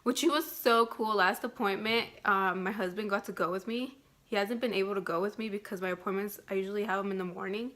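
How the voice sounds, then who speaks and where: A woman's voice: medium pitch, fairly even intonation, brisk, a bit bright. A woman giving a casual vlog update, rambling and filling her talk with "like" constantly. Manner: rambling, fills speech with "like". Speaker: vlogger.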